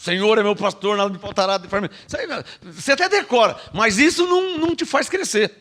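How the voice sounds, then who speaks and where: A man's voice: sits high, quick pace. A man with a Brazilian Portuguese accent preaching a sermon, teaching with rhetorical questions and having the congregation repeat his phrases. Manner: lively, frequent rhetorical questions and laughs.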